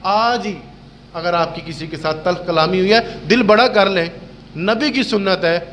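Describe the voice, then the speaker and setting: A middle-aged male preacher tells a religious story in an impassioned, chatty sermon style. His voice sits fairly high for a man. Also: a bit bright, a little hiss or hum. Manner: impassioned, colloquial storytelling with acted quotes. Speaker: Islamic preacher.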